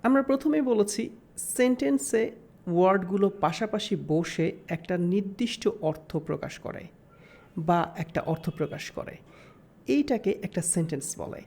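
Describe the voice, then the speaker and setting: A woman's voice: mid-range voice, lively intonation, a little mellow. Woman teaching grammar, sounding out words. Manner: explains step by step, mixing in English terms; slows down to sound out example words. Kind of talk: recorded grammar lesson.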